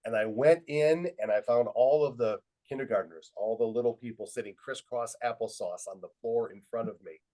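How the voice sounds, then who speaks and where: A middle-aged man presenting a webinar, telling an anecdote in a lively way and acting out quoted dialogue, speaking into a computer mic on a video call. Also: mid-range voice, normal speed, hardly any pauses, rough recording. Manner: lively storyteller who acts out quoted dialogue. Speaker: webinar presenter and student leadership trainer.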